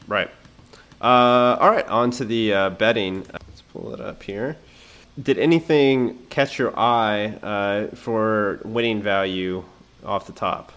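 A man's voice: lowish voice, takes it slowly, fairly bright tone, clean tone. A man co-hosting a casual sports betting podcast, speaking hesitantly with many fillers. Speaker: podcast co-host.

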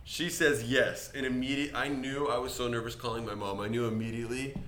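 A man's voice: medium pitch, level tone, a little fast, a bit bright. Young male co-host, casual rambling storyteller; roomy sound with light noise. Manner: rambling storyteller, frequent restarts and word slips. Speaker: podcast co-host. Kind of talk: casual chat. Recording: echoey room, faint noise.

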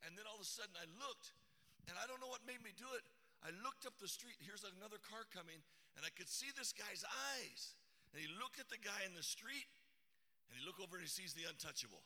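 A man's voice: high-pitched, animated, a little fast, bright, forceful tone, big-room sound. A middle-aged man from Arizona preaching a sermon, retelling a story dramatically with sound effects. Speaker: pastor.

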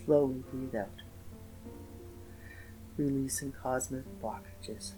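A man narrating a scripted guided meditation in a slow, gentle, soothing manner with pauses. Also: medium pitch, steady tone, poor audio. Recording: voice over meditation music. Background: soft instrumental music with guitar.

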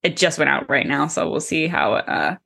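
Woman co-host, tired, low-ish voice, loose rambling chatter. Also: very animated, normal speed, vocal fry, pushed and bright. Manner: chatty, rambling, self-deprecating, laughs often. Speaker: podcast co-host, author. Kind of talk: casual chat.

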